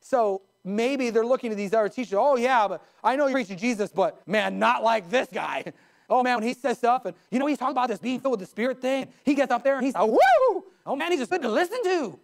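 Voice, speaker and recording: Pastor guy in his 40s preaching at a pulpit, kinda high voice, gets loud and animated. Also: fast talker, creaky. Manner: animated, gesturing at a pulpit, mimics others in a raised voice. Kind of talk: sermon. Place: church sanctuary, indoors. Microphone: pulpit mic.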